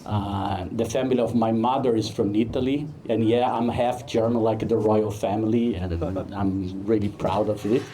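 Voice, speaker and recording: A man from Brazil, a film director giving a humorous, anecdotal talk at a networking event, halting often with fillers. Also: fairly low pitch, steady tone, mellow.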